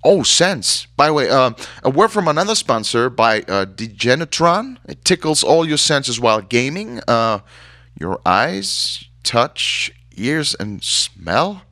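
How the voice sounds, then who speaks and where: A man's voice: mid-range voice, sing-song, slow pace, pushed and bright, dry recording, clean studio sound, exaggerated voice. An actor playing a rambling, sarcastic radio DJ who stumbles over his words as he banters. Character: rambling, irreverent male radio DJ.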